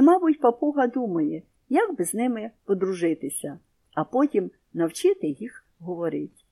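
A woman reading a children's story aloud in an expressive storybook manner, then asking comprehension questions. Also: mid-range voice.

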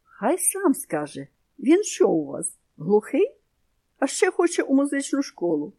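A woman's voice: sits high, wildly swooping pitch, a little slow, dark tone, pitched above the performer's own voice, heavily acted. Stern bear headmaster, impatient and curt, voiced by a woman reading aloud. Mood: angry. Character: stern gruff bear school director.

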